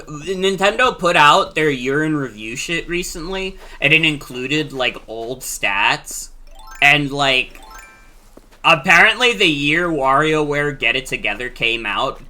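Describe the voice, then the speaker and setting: A man in his twenties, a streamer chatting casually while he plays, excitable and quick to swear. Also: fairly high pitch. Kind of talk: casual game-stream chat.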